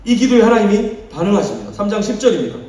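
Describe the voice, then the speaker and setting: A man in his thirties preaches to a youth group, his voice ranging widely from hushed asides to loud emphasis. His tone is mellow and dark, and the sound comes from off-mic in an echoey church hall. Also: high voice, big pitch swings, rapid-fire, recorded from a distance. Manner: storytelling with acted quotes, swinging from soft to loud. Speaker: youth pastor. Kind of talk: sermon.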